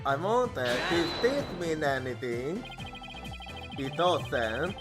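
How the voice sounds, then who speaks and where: A man's voice: a little high, big pitch swings, slow pace. A man streaming a game, thinking aloud and musing to himself as he plays. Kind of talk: casual gameplay commentary. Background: game music.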